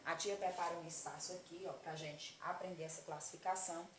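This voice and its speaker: A woman's voice: fairly low pitch, steady tone, fairly quick, echoey room, a little hiss or hum. Affectionate Brazilian woman teaching children. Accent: Brazilian Portuguese. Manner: affectionate, checks in often with "tá certo?". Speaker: primary school teacher. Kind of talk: casual video lesson to children.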